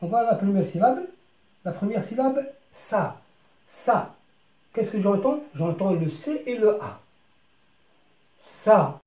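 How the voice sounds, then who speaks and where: A French teacher giving a beginner lesson, switching between French and Arabic, speaking slowly and breaking each word into syllables and repeating them. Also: mid-range voice, lively intonation, warm tone. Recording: roomy, slightly dull recording.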